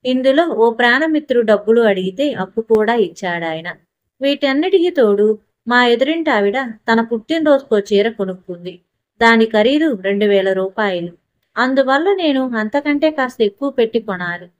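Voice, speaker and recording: A woman reading a first-person story aloud in a steady, even narrating voice. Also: on the high side, normal speed, dry recording. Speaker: audiobook narrator.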